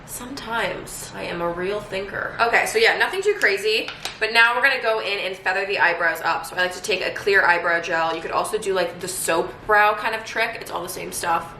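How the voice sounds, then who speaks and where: Bright, chatty young woman in an echoey room. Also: medium pitch, fairly quick, hardly any pauses. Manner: chatty, filler-heavy, upbeat. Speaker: beauty vlogger. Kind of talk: casual makeup tutorial chat. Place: home room during quarantine. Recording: echoey room, faint noise.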